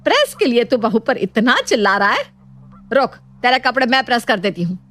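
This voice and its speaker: A woman's voice: on the high side, very animated, brisk, fairly bright tone. A woman voicing a stern, caring older mother-in-law in a cartoon story, commanding and scolding.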